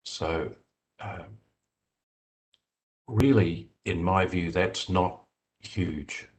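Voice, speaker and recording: Low-pitched man, measured technical explainer on a video call; careful, filler-heavy. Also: rough recording. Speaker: software developer answering committee questions. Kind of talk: technical discussion in a video meeting.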